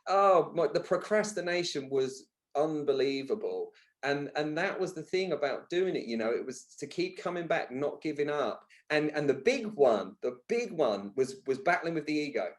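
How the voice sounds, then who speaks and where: With a fairly high-pitched, very animated voice at normal speed, a male podcast guest recounts candid stories from his own life, speaking in a casual, emphatic manner.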